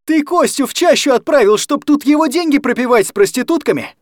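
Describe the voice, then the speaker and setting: A furious sixteen-year-old girl, as a man puts her on in a storybook, screaming at the top of her lungs. The voice is pushed high and loud, with pitch flying all over the place. The recording is close and dry. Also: very animated, a little fast, dry recording. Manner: screaming, shrill, losing control.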